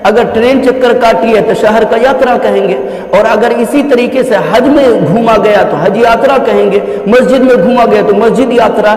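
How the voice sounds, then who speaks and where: A man's voice: very high-pitched, normal speed, darkish tone. A male Islamic cleric giving a scolding, sarcastic rebuttal, lecturing the listener like a daughter. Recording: echoey hall reverb.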